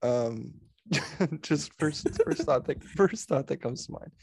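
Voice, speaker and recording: A man's voice: medium pitch, animated, slow pace, creaky, darkish tone, husky. A man co-hosting a comedy podcast, chatting casually and playfully and laughing often. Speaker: podcast co-host.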